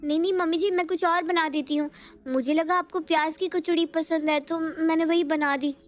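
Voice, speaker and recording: A young daughter-in-law in a cartoon story, voiced by a woman with a high, girlish pitch. She talks sweetly and earnestly and is eager to please. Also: steady tone, normal speed, soft background music. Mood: upset.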